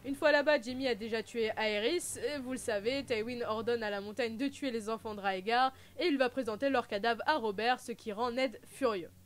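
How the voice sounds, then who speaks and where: A woman hosting a casual recap vlog, with a bright, high voice. She talks in a chatty way and drops playful jokes in between the facts. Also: moderate pace, few pauses. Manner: chatty, with playful joking asides. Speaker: video host.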